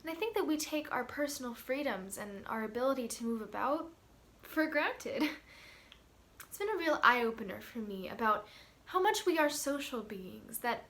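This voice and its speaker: A woman's voice: on the high side, a bit bright. An actress playing a thoughtful woman who misses human contact, speaking earnestly in a film monologue.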